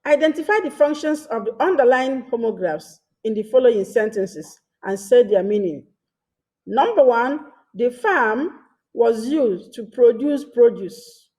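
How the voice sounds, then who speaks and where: Slow, deliberate woman teaching. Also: on the high side, animated, warm tone. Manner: reads each example sentence twice, pausing between short phrases. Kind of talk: slow deliberate grammar lesson.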